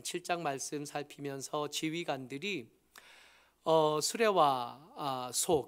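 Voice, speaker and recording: Higher-voiced Busan pastor preaching. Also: male voice. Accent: Busan Gyeongsang. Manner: explanatory, many fillers, rises in emphasis. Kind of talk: sermon.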